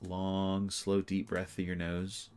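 A man guiding a listener through sleep hypnosis, speaking in a slow, soothing, repetitive way. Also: low voice, completely flat delivery, a little mellow, clean tone.

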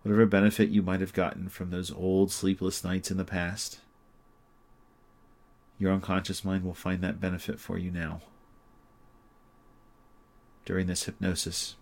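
A man with a very low, level voice leads a sleep hypnosis session. He talks in a slow, soothing and repetitive way. His pitch barely moves as he guides the listener deeper into calm.

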